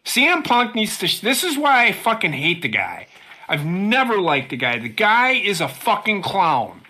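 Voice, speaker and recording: A woman's voice: mid-range voice, wildly swooping pitch, normal speed, sharp tone. A woman co-hosting a podcast, ranting heatedly and swearing freely in casual chat. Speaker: podcast co-host.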